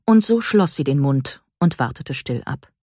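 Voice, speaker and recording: A woman narrating a children's story with an even, clear reading voice. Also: a bass voice, a little slow, no echo, clean studio sound. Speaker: audiobook narrator.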